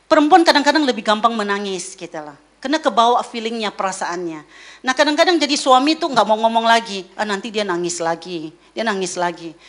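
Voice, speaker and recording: A middle-aged woman giving a lively church teaching, acting out quoted voices as she speaks. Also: a little high. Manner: lively, acts out quoted voices, mixes in English words.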